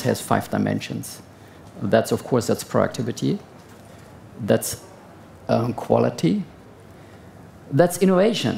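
A man's voice: mid-range voice, vocal fry, a little mellow, slight background noise. A man in his fifties, a procurement executive, speaking emphatically on a conference panel with a lapel mic. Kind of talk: panel discussion answer. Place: conference stage, indoors.

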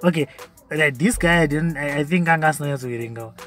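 A chatty young man with a Zimbabwean accent, speaking in a slightly high voice and laughing easily. He reads comments aloud in a loose, conversational podcast style, with faint music playing behind him. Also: fast talker, fairly bright tone. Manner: chatty, laughs often, mixes in Shona phrases. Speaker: podcast host. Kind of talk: casual commentary reading social media comments.

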